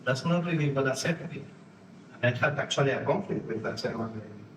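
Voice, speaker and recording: A man from Spain with a Spanish accent, giving a live conference talk with halting phrasing and frequent restarts while acting out postures and inner voices for the audience. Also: medium pitch, lively intonation, fairly bright tone. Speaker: conference speaker. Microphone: distant room mic. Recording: echoey room from far off, faint noise.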